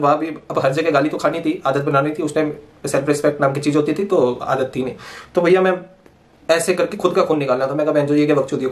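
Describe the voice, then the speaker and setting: A man, telling a casual story full of slang and swearing. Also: on the high side. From Punjab, India. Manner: rapid, slangy, swears freely. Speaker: vlogger, medical student.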